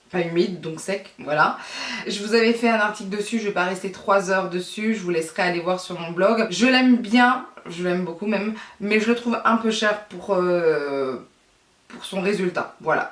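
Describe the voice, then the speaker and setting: A woman from France reviews her beauty favourites in a relaxed, rambling way, often circling back to say the same thing twice. Her voice sits in the middle range for a woman. It reaches the mic from some distance, with a roomy echo around it. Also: mid-range voice. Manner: chatty and repetitive, with frequent hesitations. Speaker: beauty vlogger. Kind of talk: casual product review.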